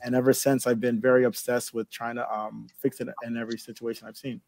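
A man's voice: mid-range voice, flat delivery, fast talker, creaky, a little mellow, no room sound. A man speaking as a panelist in a casual online discussion, earnest and personal.

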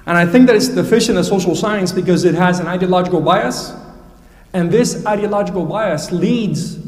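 A man giving formal, pointed remarks as a speaker in a debate, measured and academic in tone. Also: high voice, darkish tone. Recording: echoey hall, distant mic.

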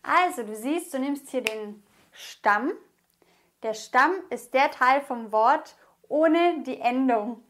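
A woman's voice: high-pitched, slow pace, a bit bright. A woman teaching a grammar lesson in a patient, encouraging way, spelling things out and repeating. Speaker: language teacher.

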